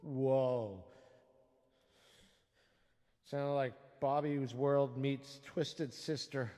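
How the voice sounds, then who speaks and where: A man's voice: mid-range voice, steady tone, drawn-out words, warm tone, long reverb tail. A man hosting a casual music livestream from his home studio, rambling and joking about himself as he sets up. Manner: rambling, self-joking and chatty. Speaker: singer-songwriter livestream host.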